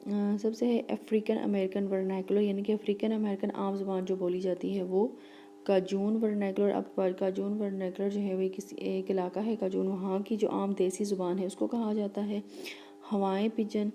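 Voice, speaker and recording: A woman teacher giving a lecture, reading English lines slowly and explaining them quickly in between, with fillers and restarts. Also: mid-range voice, flat delivery, mellow, a little hiss or hum.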